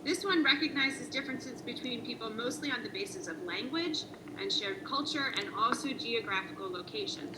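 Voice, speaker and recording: A woman with a slightly high voice talks through ideas slowly and patiently, in the manner of a teacher. Steady noise sits under her voice. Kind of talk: guided identity worksheet discussion.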